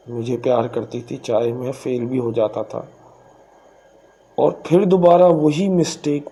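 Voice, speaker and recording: A man's voice: medium pitch, dark tone, poor audio. Man teaching a poem. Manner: switches between slow recitation and quick explanation. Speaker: English teacher. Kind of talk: explaining a poem line by line.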